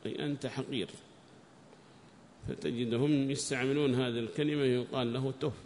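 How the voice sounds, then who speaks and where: A man's voice: fairly even intonation, fairly quick, darkish tone. Man teaching with echoing reverb. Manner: raises pitch and volume to read quoted text, drops to explain. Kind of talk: classical Arabic grammar and Quran recitation lesson. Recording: reverberant room with faint background noise.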